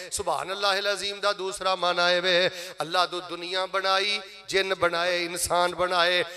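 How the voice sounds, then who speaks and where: A man with a Punjabi accent giving a sermon, calling on the crowd to repeat phrases aloud and breaking into slow chanted verses. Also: sits high, bright, forceful tone. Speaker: preacher.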